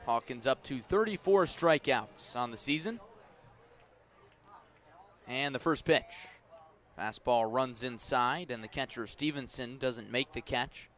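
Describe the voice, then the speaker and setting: A male radio announcer with a mid-pitched, fairly bright voice calls a live baseball game in measured, unhurried phrases, lifting his delivery whenever the ball is in play.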